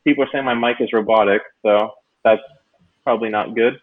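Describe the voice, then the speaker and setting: A man's voice: on the low side, fairly even intonation, fairly quick. A man hosting a livestream in a loose, chatty way with many fillers, his voice coming through a robotic, metallic-sounding mic on a video call. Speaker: livestream host. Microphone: computer mic on a video call. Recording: tinny, phone-like online call audio.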